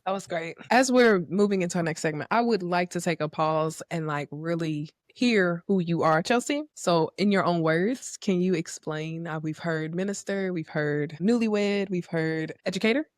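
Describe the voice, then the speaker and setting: A woman hosting a podcast, introducing segments in a measured way. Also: on the low side, dry recording, clean studio sound. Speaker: podcast host.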